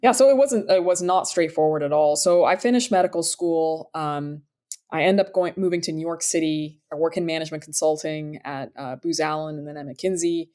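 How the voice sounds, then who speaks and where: A woman in her thirties from Sudan speaks in a low, deep register. She talks through her career in an upbeat, chatty interview style, with plenty of ums and restarts. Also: a little fast, warm tone. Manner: upbeat, enthusiastic, frequent fillers. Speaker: startup founder, guest. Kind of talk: conversational interview answers.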